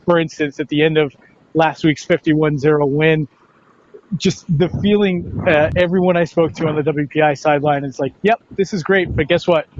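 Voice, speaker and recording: A radio play-by-play announcer, appearing as an interview guest, chats conversationally with pauses and repeated words. His voice is somewhat high-pitched. The sound is muffled, dull, lo-fi and band-limited.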